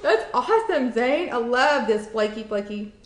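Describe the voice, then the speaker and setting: A woman's voice: mid-range voice, fairly quick. A woman hosting a cooking segment, chatting in a bubbly, upbeat way. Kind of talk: casual cooking show chat. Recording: roomy studio sound.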